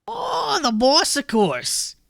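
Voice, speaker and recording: A man voicing a bored, slimy toad-folk worker in a tabletop game, with a loud, halting, put-on accent. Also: very high-pitched, huge pitch swings, creaky, no echo, studio quality, voice pushed up, full character voice. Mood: chatty, nosy.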